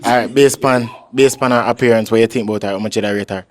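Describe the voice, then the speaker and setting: A man's voice: medium pitch, fairly even intonation, fast talker. A man with a Jamaican accent, casually questioning contestants as the host of a dating show. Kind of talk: casual street interview.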